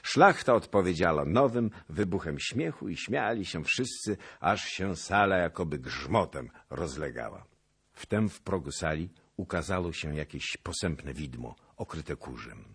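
A deep-voiced man reads a literary audiobook with theatrical expression, letting his pitch rise and fall widely. His tone is husky, and he takes his time, unhurried over each phrase. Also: lively intonation, a bit bright, dry recording. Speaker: audiobook narrator.

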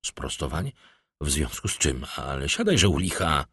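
Narrator voicing a wry, jovial editor in an audiobook, low and lively. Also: male voice, moderate pace, husky, no echo, clean studio sound, full character voice. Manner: jovial, ironic. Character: wry male newspaper editor, easygoing and teasing. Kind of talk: audiobook character voice.

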